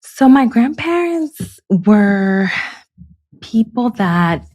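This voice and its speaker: A woman from the Dominican Republic, a psychologist guest on a podcast, speaking thoughtfully with many pauses and fillers. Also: fairly high pitch, very animated, a little mellow, no echo, studio quality. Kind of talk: casual podcast interview.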